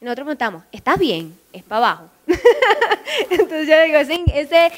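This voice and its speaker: A woman's voice: high-pitched, sing-song, moderate pace. A young woman with a Colombian Caribbean coast accent, telling stories in conversation, laughing often and acting out voices. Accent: Colombian Caribbean coast (Córdoba). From Córdoba, Colombia. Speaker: singer, guest. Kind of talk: lively conversational storytelling.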